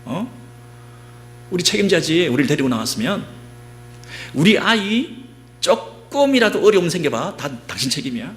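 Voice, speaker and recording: A man playing a hostile grumbling Israelite man, shouting, high strained voice, wildly swinging pitch. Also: sing-song, normal speed, long pauses, soft background music. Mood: furious.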